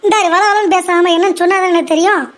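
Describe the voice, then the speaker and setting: A young performer playing a weary son home from work, talking fast in a very high, light voice. He scolds his wife one moment and soothes his mother the next in a homemade comedy skit. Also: steady tone, a bit bright. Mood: exasperated. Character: weary working son caught in the middle.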